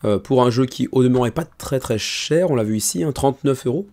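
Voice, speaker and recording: A man presenting a show casually and informally, keeping his tired voice low and soft, close to the microphone. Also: brisk. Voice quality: tired voice, held back to spare it. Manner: informal, chatty, self-deprecating. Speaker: host of a board game crowdfunding video show. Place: small room indoors. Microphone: microphone about ten centimetres from the mouth.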